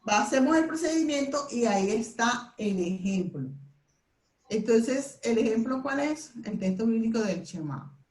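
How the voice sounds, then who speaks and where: Woman teacher with a higher voice, explaining step by step to a class, in a roomy echo. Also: expressive, a little slow, a little mellow. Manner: explains step by step, leads group recitation. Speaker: Bible memorization teacher. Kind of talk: classroom lesson.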